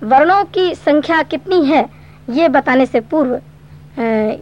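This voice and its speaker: A woman teaching a Sanskrit grammar lesson, explaining patiently step by step and reciting verse slowly. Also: high voice, expressive. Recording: dull lo-fi recording.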